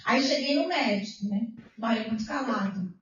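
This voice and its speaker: A middle-aged woman testifies before her congregation, her voice sitting a little high and animated as she retells conversations. She sounds distant from the microphone, washed in heavy church-hall echo. The recording has a dull, muffled tone. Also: moderate pace, slight background noise. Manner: emotional, retells dialogue, exclaims praise. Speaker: church member giving testimony.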